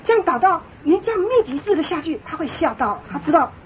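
A woman with a high voice lectures an audience on raising children. She talks in a lively, emphatic way, repeating key phrases and breaking into small laughs. Faint background noise sits under her voice. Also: fast talker, rough recording. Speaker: parenting speaker.

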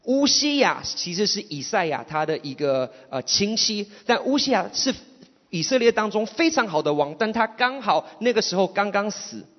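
A man with a Malaysian accent interprets a sermon in short, sometimes halting phrases. His voice sits high for a man and carries a long hall echo, with a slightly muffled sound. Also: big pitch swings.

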